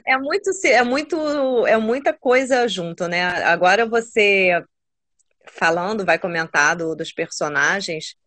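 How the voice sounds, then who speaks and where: A woman's voice: on the low side, lively intonation, a little slow, fairly bright tone, no echo. A woman co-host in a casual discussion, making thoughtful, agreeing remarks.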